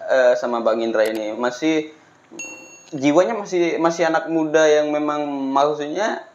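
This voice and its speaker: Jovial higher-voiced man on dull audio. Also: moderate pace. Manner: jovial, agreeable, repeats words. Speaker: interview host. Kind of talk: casual chat. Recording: dull lo-fi audio with background noise.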